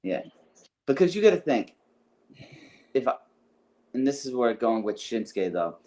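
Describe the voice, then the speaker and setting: A man's voice: mid-range voice, very animated, a little slow, a little mellow. A man co-hosting a wrestling podcast in casual chat, rambling and hedging as he thinks aloud. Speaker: podcast co-host.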